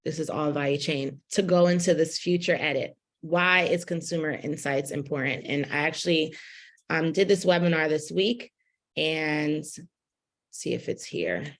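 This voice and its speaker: A woman with a low voice leads a relaxed workshop lecture over a video call. She talks in a loose, conversational way, full of fillers, and checks in with her class by asking "right?". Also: moderate pace. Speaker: fashion business instructor.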